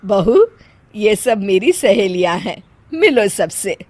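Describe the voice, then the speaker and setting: A woman's voice: medium pitch, very animated, darkish tone, dry recording. A woman playing a scolding mother-in-law. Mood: fond. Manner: scolding, drawn-out calls. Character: middle-aged mother-in-law, kind but easily irritated. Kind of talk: cartoon voice acting.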